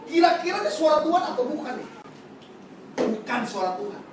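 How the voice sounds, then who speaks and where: Guy pastor w a preaching live, super animated, lots of echo and faint hiss, mic kinda far off. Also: very high-pitched, a little fast. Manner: animated, mixes in English phrases, acts out questioners. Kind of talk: live sermon. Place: church sanctuary. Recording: echoey hall, distant mic, faint hiss.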